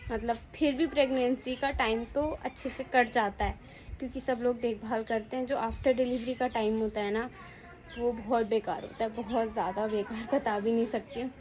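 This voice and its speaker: Tearful young woman vlogger, somewhat high. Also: steady tone, moderate pace, a little mellow, a little hiss or hum, poor audio. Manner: tearful storytelling, repeating herself. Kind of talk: emotional personal vlog.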